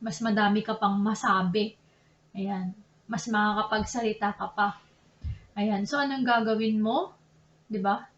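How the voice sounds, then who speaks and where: A woman's voice: mid-range voice, fairly even intonation, measured pace, long pauses, echoey room, highs cut off, slight background noise. A young Filipina woman, teaching Japanese grammar in a chatty, casual way, often correcting herself and laughing at her slips. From Philippines. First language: Tagalog. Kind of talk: casual online lesson in Tagalog and English.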